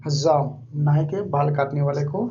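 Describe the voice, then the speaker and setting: A man's voice: a little high, mellow. Man teaching words with repetition, lo-fi. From India. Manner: repeats each word several times, slow and deliberate. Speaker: language teacher. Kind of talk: informal vocabulary lesson. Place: living abroad in Saudi Arabia. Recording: dull lo-fi recording with faint hum.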